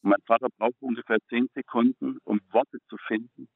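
A middle-aged man giving an earnest personal faith testimony as a guest, speaking haltingly and repeating words when moved. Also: mid-range voice, fairly even intonation, creaky, no echo. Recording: phone-like, narrow and dry.

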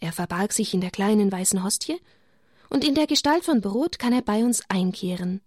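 A woman teaching children about faith and reading them a story, gentle and often dropping to a whisper. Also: mid-range voice, expressive, moderate pace, dry recording, studio quality. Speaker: catechist for children. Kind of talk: children's religious instruction and storytelling.

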